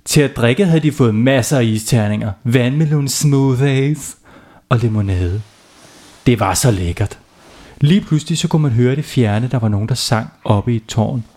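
A man's voice: mid-range voice, a little mellow. A man, a father, telling a silly bedtime story to children, playful and often asking them questions.

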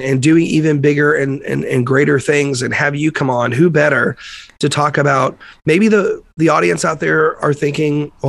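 A man's voice: a little high, vocal fry, fairly bright tone, dry recording. A man hosting a podcast, interviewing a guest with enthusiasm and lots of stumbling repetitions. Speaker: podcast host. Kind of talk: casual interview chat.

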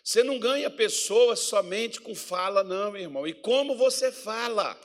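A middle-aged pastor from preaches in its with a rather high voice. He tells homely stories and swings from ringing declarations down to quiet asides. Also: expressive, moderate pace. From Minas Gerais, Brazil. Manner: folksy, storytelling preacher who shifts between loud declarations and soft asides. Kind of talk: sermon.

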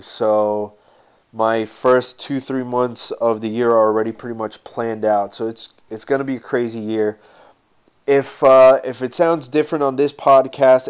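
Still recovering from a sinus infection, a solo podcast host talks casually through a stuffed-up nose, breathing through his mouth and sounding congested. He speaks at medium pitch with a clean, slightly mellow tone.

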